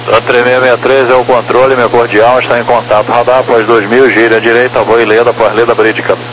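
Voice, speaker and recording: A man's voice: medium pitch, level tone, a little fast, a bit bright, a little hiss or hum, low-quality recording. A man speaking in clipped aviation phraseology over a radio. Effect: radio transmission.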